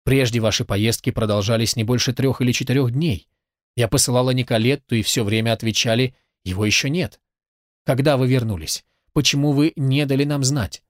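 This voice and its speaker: A man reading the lines of an affectionate, playful young woman in a storybook, lively and chattering. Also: medium pitch, fairly quick, no echo, studio quality, lightly acted. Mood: chatty, affectionate.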